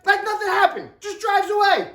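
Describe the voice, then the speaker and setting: A man telling personal stories to viewers in an animated, exaggerated way, with sound effects. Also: very high voice, moderate pace. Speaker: storyteller vlogger. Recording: roomy, distant mic.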